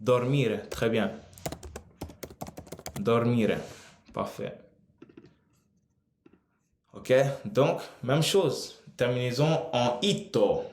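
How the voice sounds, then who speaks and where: Male teacher, mid-pitched, unhurried live-lesson delivery, roomy echo. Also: a little mellow. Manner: slow, drawn-out explaining with frequent pauses. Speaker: Italian teacher. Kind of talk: live online grammar lesson. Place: room, typing on a keyboard.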